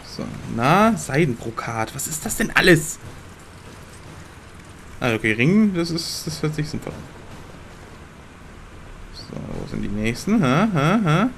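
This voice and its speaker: A young man commentating his gameplay in a slangy, excitable way and talking back to the game characters. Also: on the high side, unhurried, a little hiss or hum. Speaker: let's play gamer.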